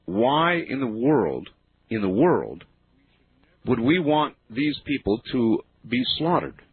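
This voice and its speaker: A man hosting a talk radio show, giving earnest, argumentative commentary and musing aloud, often dropping low at the ends of phrases. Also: very animated, takes it slowly, breathy edge. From United States. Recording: tinny lo-fi radio broadcast.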